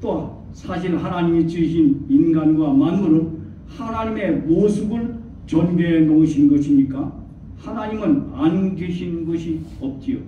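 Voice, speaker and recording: High-voiced male preacher in an echoing hall. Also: a little slow, a little hiss or hum. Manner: rhetorical questions, acts out quoted voices. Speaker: church elder preaching. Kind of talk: sermon. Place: church hall. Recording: echoey hall from far off, dull.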